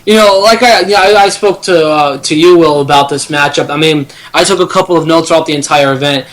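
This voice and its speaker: A man's voice: on the high side, brisk, fairly bright tone, rough recording. A man co-hosting a casual sports talk review, rambling with lots of filler phrases. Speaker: co-host.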